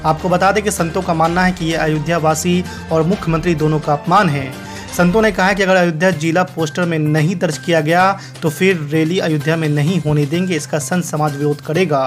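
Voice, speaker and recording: News anchor, man, steady formal read, fairly high voice. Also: brisk, faint music behind. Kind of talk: scripted news reading.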